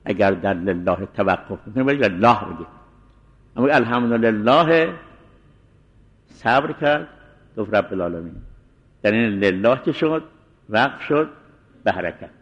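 A man with a fairly low voice gives a spoken lesson on recitation rules. He explains step by step and slows down to chant the verse examples. A long reverb trails behind his voice. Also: lively intonation, muffled recording. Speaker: teacher of Quran recitation rules.

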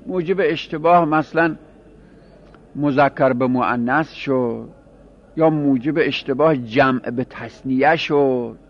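A man's voice: medium pitch, lo-fi sound. A man teaching a grammar class, explaining by repeating examples and asking his students questions.

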